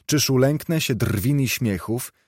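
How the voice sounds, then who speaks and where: A man's voice: mid-range voice, unhurried, darkish tone, dry recording, studio quality, natural voice. A man doing a proud noble knight. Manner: proud, declamatory.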